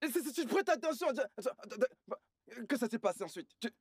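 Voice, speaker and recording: A woman's voice: fairly high pitch, very animated, fast, a little mellow, breathy edge, no echo, clean studio sound. A stammering, soothing village father. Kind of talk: dubbed film dialogue.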